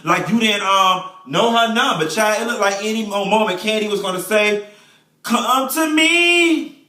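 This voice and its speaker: Brash sassy guy dishing on reality tv, bright sharp voice, cussing, lots of honey and child. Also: sits high, reverberant. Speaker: reality TV reviewer. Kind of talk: sassy recap monologue.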